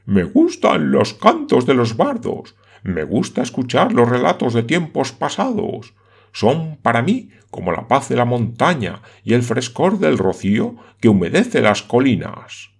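A man voicing a gentle, poetic older uncle in an audiobook, reciting slowly. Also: mid-range voice, huge pitch swings, vocal fry, breathy edge, full character voice. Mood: wistful.

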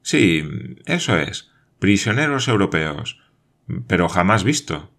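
A man's voice: low voice, sing-song, slow, a bit bright, heavily acted. A man reading aloud voices a stubborn, insistent frontier sergeant in a storybook, talking emphatically and firmly.

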